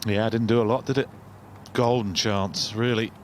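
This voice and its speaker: Low male golf analyst over outdoor noise. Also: fairly even intonation, normal speed. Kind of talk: live golf commentary. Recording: clear outdoor ambient noise. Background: outdoor ambience.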